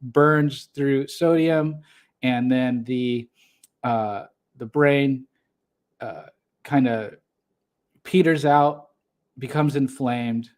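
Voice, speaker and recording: An adult man co-hosting a casual livestream. His voice sits at an ordinary middle pitch. He rambles through his explanation, restarting sentences and leaning on fillers. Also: extremely slow, long pauses, a little mellow. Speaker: podcast co-host.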